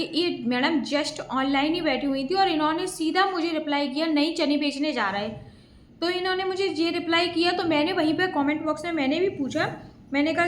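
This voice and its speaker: A woman vlogger with a high voice walks her viewers through a dispute. She speaks casually and at length, sounding aggrieved. Her voice rings with a roomy echo. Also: slight background noise. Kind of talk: casual storytelling vlog.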